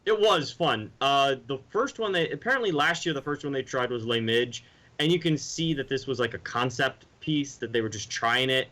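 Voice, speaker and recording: Guy on a podcast rambling about his weekend, bright tone. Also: mid-range voice, expressive, normal speed, rough recording. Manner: rambling, with restarts and mimicked sounds. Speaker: podcast co-host. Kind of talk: casual chat.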